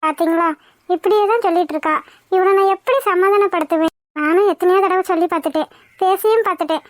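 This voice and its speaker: A woman's voice: extremely high pitch, fast, no room sound, clean studio sound. A woman voicing a middle-aged village woman who consoles a crying relative and grows weary of repeating herself in a cartoon. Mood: exasperated. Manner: consoling, exasperated. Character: soothing older sister-in-law, middle-aged woman, patient. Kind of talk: cartoon voice acting.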